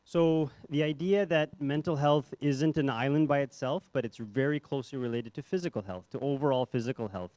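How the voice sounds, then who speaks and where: A young man gives a talk at a medical conference in an easygoing, self-deprecating way, filling it with ums and restarts. His voice sits at an ordinary middle pitch. The mic sound is dry and close, with no room echo. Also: brisk, hardly any pauses, a little mellow. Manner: conversational, self-deprecating, many fillers and restarts. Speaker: psychiatrist giving a conference talk. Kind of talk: conference presentation. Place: hotel ballroom.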